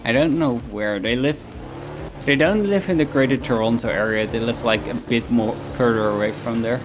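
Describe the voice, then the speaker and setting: A man streams a game from home, chatting casually in a rambling, self-deprecating way and often letting his sentences trail off. His voice is medium-pitched at a normal pace, with game music and other background noise behind him.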